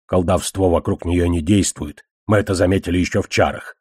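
A man reading an audiobook voices a curt, sardonic wizard in a lower, matter-of-fact tone. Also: steady tone, fairly quick, darkish tone, husky, no echo. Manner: low, dry, matter-of-fact. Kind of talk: audiobook character voice.

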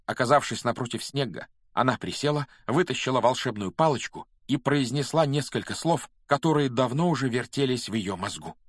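Brisk male audiobook narrator. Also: medium pitch, dry recording, studio quality. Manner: brisk, steady storytelling. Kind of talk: scripted narration.

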